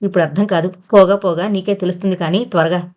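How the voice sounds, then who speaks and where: A woman's voice: lowish voice, steady tone, quick pace, a little mellow, close to an everyday voice. A woman reading the part of a poor, domineering middle-aged mother who pushes and scolds as she persuades. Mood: coaxing. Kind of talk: audiobook character reading.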